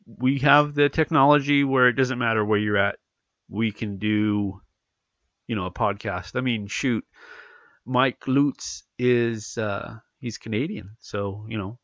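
A man with a mid-range, fairly bright voice hosts a casual podcast, congested from allergies, and reads the news aloud. He rambles with lots of fillers and restarts, and the recording is muffled with no room sound.

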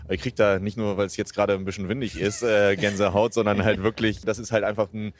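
A German football fan in his thirties from Bremen chats in a casual outdoor interview at a stadium. His voice is lowish and level, and he talks fast, with many fillers and restarts.

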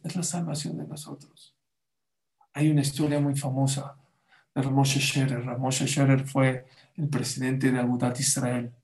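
A man who gives a religious lesson and tells stories with animated, emphatic repetition. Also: mid-range voice. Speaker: religious teacher. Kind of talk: Torah lesson storytelling.

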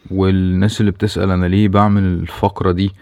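A man with an Egyptian Arabic accent and a deep, gravelly voice that stays flat. He speaks quickly, as a host casually addressing listeners on his own. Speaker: podcast host. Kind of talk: casual solo announcement to listeners.

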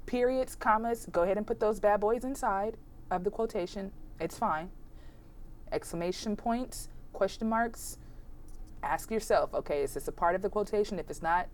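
A woman's voice: medium pitch, normal speed, a little mellow, slight background noise. A woman hosting an informal instructional podcast, chatty and encouraging, spelling examples out carefully, her voice strained from being sick. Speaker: podcast host teaching punctuation.

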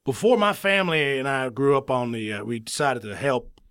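A man playing an eccentric radio guest who tells rambling, deadpan absurd stories in a comedy sketch. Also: medium pitch, moderate pace, clean tone, dry recording, studio quality.

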